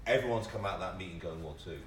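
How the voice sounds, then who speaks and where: A deep-voiced actor with family roots in Singapore sits on a panel in a theatre, arguing his opinion informally and with emphasis. He sounds exasperated, halting and repeating words as he pushes his point. The distant mic gives a roomy live-stream sound with faint noise.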